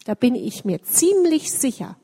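A woman telling a children's story, voicing a sly schoolgirl who speaks in a hushed, conspiratorial way, recorded in an echoey hall. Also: fairly high pitch, big pitch swings, unhurried, slightly rough, exaggerated voice. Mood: insistent. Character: sly, whispering schoolgirl tattletale.

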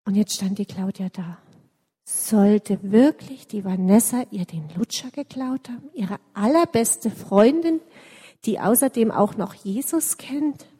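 A woman's voice: medium pitch, a little slow, husky. Woman telling a story in an echoey hall. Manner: lively, addresses children directly. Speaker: children's storyteller. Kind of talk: children's story in church.

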